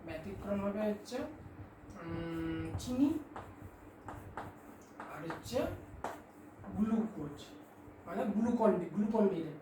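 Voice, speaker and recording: A woman's voice: medium pitch, noisy background. Woman teacher dictating in an echoey room. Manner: addresses students informally, asks and answers own questions, dictates slowly. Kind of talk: classroom chemistry lesson. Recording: echoey room, mic at a distance.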